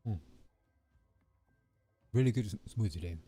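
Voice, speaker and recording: Laid-back low-voiced man chatting while drawing. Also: moderate pace, no echo. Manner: relaxed, rambling, many fillers like "you know" and "like". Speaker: livestreaming artist. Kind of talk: casual chat while drawing live. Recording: soft background music.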